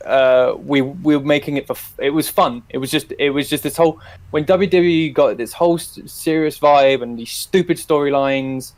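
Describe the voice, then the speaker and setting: A man's voice: fairly high pitch, normal speed, darkish tone, dry recording. A British man from the UK, a guest in a casual chat over a video call, talking in a loose, rambling and informal way. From United Kingdom. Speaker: guest, wrestling YouTuber.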